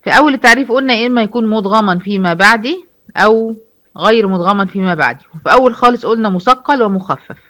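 A woman with an Egyptian accent gives a brisk online lesson, moving quickly through her points. Her voice sits in a middle range. She keeps asking the class questions and answering them herself. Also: medium pitch, a bit bright. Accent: Egyptian Arabic. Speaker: Quran recitation teacher. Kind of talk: online lecture.

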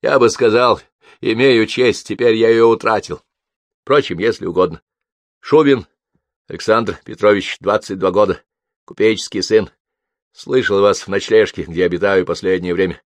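A man's voice: deep voice, moderate pace, dry recording, natural voice. A male audiobook reader voicing a shamed young merchant's son in his twenties who pleads in a broken, tearful way. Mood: bitter. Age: 20s. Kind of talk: audiobook character voice.

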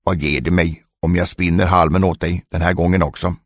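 A man's voice: deep voice, fairly even intonation, dry recording, clean studio sound, lightly acted. A man reading a storybook, voicing a spiteful, greedy little male dwarf who crows and shrieks his taunts. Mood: sly.

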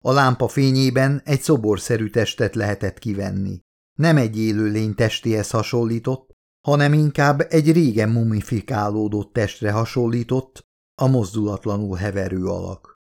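A man, the author, reading his own audiobook in a steady, measured narrating voice. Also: on the low side, creaky. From Hungary.

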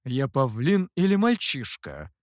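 A reader voicing a sly, smug male master who talks calmly and with amusement. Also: mid-range voice, unhurried, no room sound, clean studio sound. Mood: amused. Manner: calm and amused.

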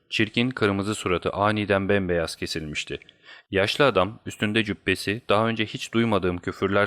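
A man reading a detective story aloud as an audiobook narrator, telling it steadily. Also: deep voice. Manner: steady storytelling, voicing each character.

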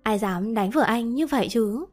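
A woman voicing a devoted young husband in a spoken story, speaking softly and earnestly. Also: fairly high pitch, normal speed, faint music behind, natural voice. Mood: tender. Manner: tender, then stern when worried.

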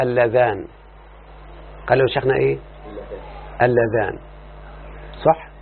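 A man with an Egyptian Arabic accent teaching grammar as an Islamic scholar. He reads quoted lines slowly and keeps quizzing his students with short repeated questions. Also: medium pitch. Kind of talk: classroom lecture. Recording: lo-fi phone-like recording with faint hiss.

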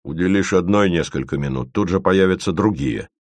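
A man playing a gruff barking official. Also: on the low side, moderate pace, dry recording, voice pushed up. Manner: barking, grumbling. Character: gruff irritable middle-aged male official. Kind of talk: audiobook reading.

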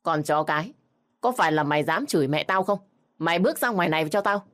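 A woman's voice: low-pitched, moderate pace, lightly acted. A woman voicing a violent, threatening young man in a storybook reading. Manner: threatening, shouting. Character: violent drugged young brother-in-law.

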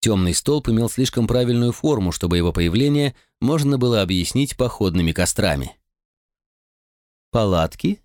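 Low-voiced guy reading an audiobook, really animated, dry close sound. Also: a little fast, few pauses, no room sound. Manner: expressive, dramatic reading. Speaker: audiobook narrator. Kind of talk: scripted narration.

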